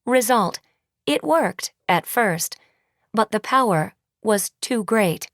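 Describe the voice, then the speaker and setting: A woman's voice: medium pitch, animated, slow pace, dry recording, clean studio sound. A woman voicing a colorless, commanding female school founder made of words, who speaks in clipped announcements. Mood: cold commanding. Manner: clipped, commanding, announces each remark with a one-word label.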